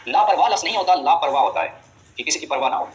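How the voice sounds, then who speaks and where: Fast-talking male teacher drilling spelling rules. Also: on the high side, expressive, low-quality recording. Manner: quick, drilling explanations with frequent reminders. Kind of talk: exam-prep spelling lesson.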